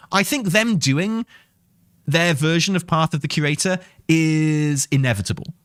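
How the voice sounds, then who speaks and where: A medium-pitched man, a video game commentator and host, offers casual, enthusiastic gaming commentary, thinking aloud in an emphatic, conversational way and repeating himself for emphasis. The recording is dry and of studio quality.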